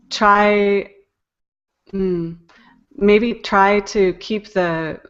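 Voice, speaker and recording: A woman who edits and narrates a poetry podcast speaks casually as an interview guest, hesitating and thinking aloud as she goes. Her voice is mid-range, and the highs are cut off.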